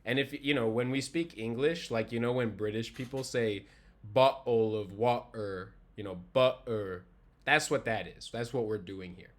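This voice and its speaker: A man teaching a language class over a video call, explaining casually and repeating words slowly to show how they sound. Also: mid-range voice. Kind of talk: online class lecture.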